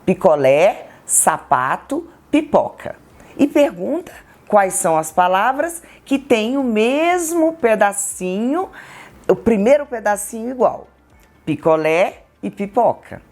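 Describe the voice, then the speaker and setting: Slow, expressive Brazilian woman teaching. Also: a little high. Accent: Brazilian Portuguese. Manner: slow, deliberate, syllable-by-syllable examples. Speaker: textbook author explaining literacy teaching. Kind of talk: educational explainer.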